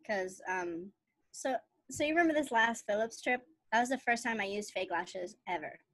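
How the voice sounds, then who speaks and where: Expressive and a bit bright, a fairly high-pitched woman in her thirties chats on a podcast she co-hosts, telling stories bubbly-style and laughing often. She talks at a moderate pace, with no room sound.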